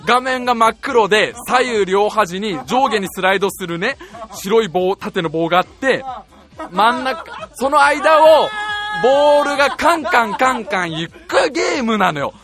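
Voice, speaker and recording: A man telling a comic anecdote in a casual, animated way, often laughing as he goes. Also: high-pitched, measured pace. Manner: animated, laughing while telling a story, acting out voices.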